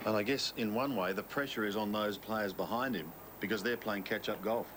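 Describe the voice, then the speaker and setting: A male golf commentator with a fairly low voice leads a live television broadcast. He makes measured, conversational remarks on the play. Clear outdoor noise with some vehicle hum sits behind him.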